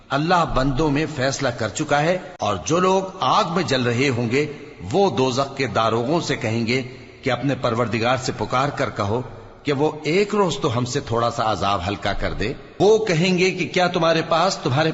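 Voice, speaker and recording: A man reading a scripture translation aloud in a solemn, measured recitation. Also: medium pitch, a bit bright. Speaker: scripture reader. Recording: dull audio with long reverb.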